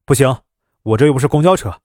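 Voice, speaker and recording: A man voicing a short-tempered middle-aged ambulance driver with a gruff, sharp-tongued manner, in a storybook reading. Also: mid-range voice, big pitch swings, normal speed, dry recording, studio quality. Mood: curt.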